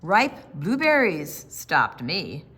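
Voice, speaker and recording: During a children's storytime, an older woman reads from a picture book, delivering lines dramatically and deliberately with softer conversational asides. Her voice is fairly low, husky, and sing-song.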